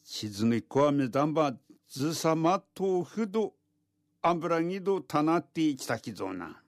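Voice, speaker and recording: Male storyteller, thick rural Tohoku dialect, slightly high voice, dry close sound, homespun oral folktale narration. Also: very animated, a little slow, dry recording. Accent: thick rural Tohoku Japanese dialect. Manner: homespun oral delivery with repeated dialect sentence endings.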